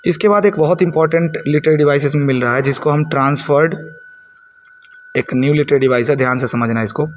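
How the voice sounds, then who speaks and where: A man's voice: fairly high pitch, quick pace, slight background noise. Man teaching, repeating words for students. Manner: repeats key words for students, asks and answers own questions. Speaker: English teacher. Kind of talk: blackboard lesson explaining poetic devices.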